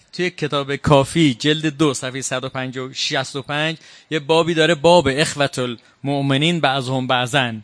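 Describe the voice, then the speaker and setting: A man giving a religious lecture in a conversational way, slowing down to recite quotations. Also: a little high, a bit bright, dry recording. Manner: conversational, slows down to recite Arabic quotes. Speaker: preacher.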